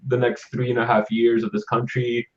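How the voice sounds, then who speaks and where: A man's voice: medium pitch, completely flat delivery, fairly quick, recorded from a distance, lo-fi sound. A man interviewing a guest, asking rambling, hedging questions.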